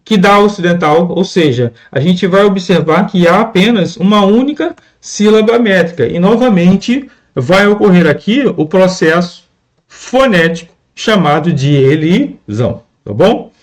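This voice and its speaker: A man's voice: high voice, expressive, a little slow. A man teaching a lesson on scanning verse, patient and repetitive, often checking in with "né?". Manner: patient, repeats words and asks "né?" often. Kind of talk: classroom lesson explaining poetry scansion.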